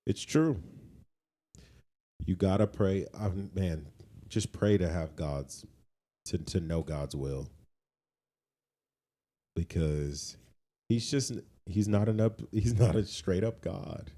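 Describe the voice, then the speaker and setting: This podcast co-host talks in a loose, slangy, conversational way, repeating phrases for emphasis. His low, mellow voice moves slowly, with long pauses.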